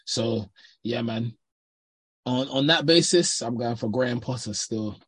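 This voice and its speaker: A man's voice: medium pitch, unhurried, fairly bright tone, husky, no echo. A man with a London roadman accent chatting informally and slangily as a panellist on a football podcast. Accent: London, urban slang. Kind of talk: casual football chat.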